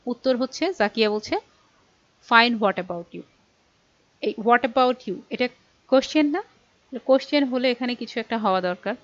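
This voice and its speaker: A woman's voice: on the high side, no echo, dull audio. Bangladeshi woman teaching English punctuation. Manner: explains patiently, reads English examples slowly, checks in with "okay?". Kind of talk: exam-prep lesson.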